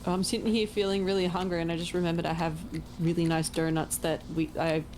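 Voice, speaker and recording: A woman's voice: lowish voice, little pitch movement, fast, darkish tone, a little hiss or hum. A woman chatting casually with friends, teasing them and swearing freely.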